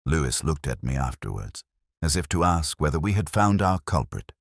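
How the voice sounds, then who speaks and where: A man with a gravelly, sing-song bass voice plays a melancholy police inspector in a scripted first-person detective audio drama, narrating his case in measured, literary, introspective prose. The exaggerated delivery is brooding and reflective, captured in a dry, studio-quality recording.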